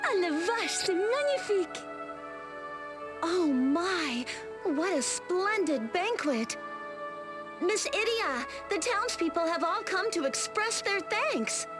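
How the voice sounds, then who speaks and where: A woman voicing a gentle, polite young French-speaking heroine in a video game, expressive in her delivery. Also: extremely high pitch, takes it slowly, full character voice. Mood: delighted. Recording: game dialogue over prominent music.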